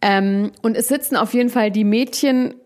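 A young woman talks as a podcast host, spinning a gossipy story in an animated, slang-heavy way. Her casual swearing keeps the chat loose and informal. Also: a little high, normal speed.

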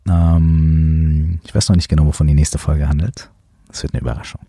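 A man hosting a coaching podcast, talking in a gentle, musing way with many fillers. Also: very deep voice, flat delivery, normal speed, gravelly, husky, no room sound, clean studio sound. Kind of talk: reflective podcast monologue.

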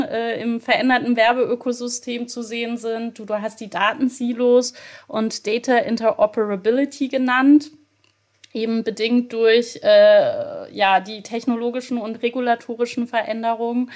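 A woman hosting a podcast, her voice sitting a little on the high side. She recaps the talk and fires quick questions in an upbeat way, with plenty of small filler sounds between phrases. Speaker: podcast host. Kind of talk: interview wrap-up and quick-fire questions.

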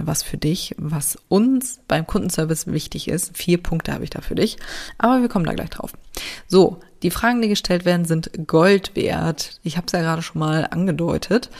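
A woman's voice: sits low, gravelly, darkish tone. A woman with a German accent and a nasal, stuffy-nosed voice, chatting casually and bluntly as a solo podcast host.

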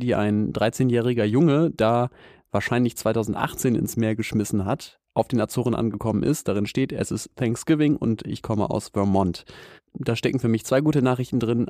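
A man hosting a news podcast, asking questions and reading short items in a relaxed, informal way. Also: medium pitch, no room sound, studio quality.

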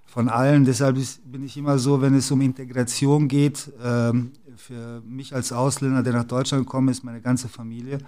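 Speaking flatly at a moderate pace with hardly any pauses, this middle-aged man has a warm, mid-range voice. He is a former-Yugoslav basketball club executive guesting in a casual interview, and he fills his talk with fillers and restarts.

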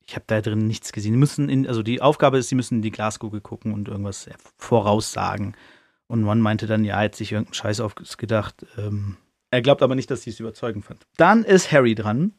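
A man's voice: lowish voice, fairly quick, no room sound. A man hosting a podcast, retelling a book chapter casually in a chatty, slangy way with some swearing. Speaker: podcast host.

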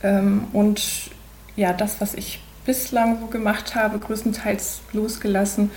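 A German woman in her forties speaks as a podcast guest, her voice dark and mellow. She talks in a thoughtful, searching way, pausing often with fillers. A faint hiss sits under the recording. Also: medium pitch, level tone. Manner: thoughtful, many hesitations and fillers. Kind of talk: conversational podcast interview.

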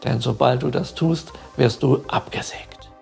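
Man doing a patient old stranger, slow, gravelly, keeps asking questions, light music under it. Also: medium pitch, darkish tone. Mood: explaining. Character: strange old man, calm probing sage.

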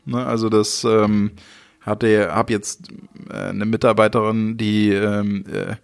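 A man in his thirties from Hamburg, a podcast interview guest who talks with many pauses, fillers and restarts. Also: lowish voice, little pitch movement, gravelly, clear, resonant tone. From Hamburg, Germany. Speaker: interview guest, managing director.

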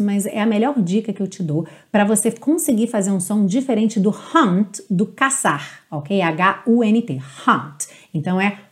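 Brazilian woman teaching pronunciation, mid-pitched, patient, stretches out the english lines slowly. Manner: explains patiently, drawls English lyrics slowly. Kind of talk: pronunciation lesson.

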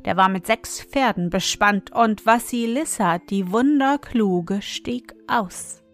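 Slow, measured woman telling a fairy tale. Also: mid-range voice, soft background music. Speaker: storyteller. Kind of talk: fairy tale read aloud.

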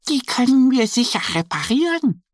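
A man voicing a cheerful, helpful little female duck with a high, eager, chirpy voice. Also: wildly swooping pitch, takes it slowly, vocal fry, fairly bright tone, no echo, studio quality, full character voice.

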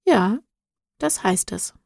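Gentle, patient storybook mentor, voiced by a woman narrator; slow, soothing explanations. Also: medium pitch, no room sound, studio quality. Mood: calm. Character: calm wise male guide, gentle and patient. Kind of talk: storybook reading.

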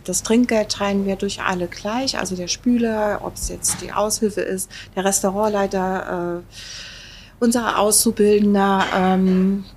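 A woman's voice: mid-range voice, a little hiss or hum. A woman with a Palatinate German accent, a restaurant owner being interviewed, talking casually with many hesitant fillers.

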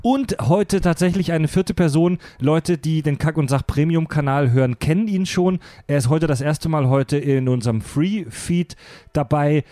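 A man's voice: fairly high pitch, normal speed, dark tone, no echo, clean studio sound. Playful male podcast host, dryly recorded. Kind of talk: hosting a panel discussion podcast.

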